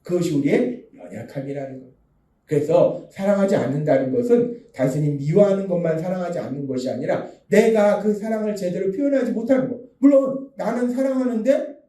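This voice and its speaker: Korean pastor guy preaching, kinda high voice, dark mellow tone, sounds far off in a roomy church. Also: brisk. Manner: earnest preaching with rhetorical questions. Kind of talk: sermon. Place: church sanctuary.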